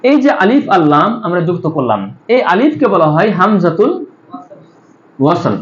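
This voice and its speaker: A high-pitched man teaches a grammar class. He explains each step, poses questions to the students and answers them himself, pausing on fillers as he thinks. The sound is roomy and somewhat dull, as if recorded lo-fi in a classroom. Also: sing-song, slight background noise. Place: madrasa classroom. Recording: echoey room, dull lo-fi sound.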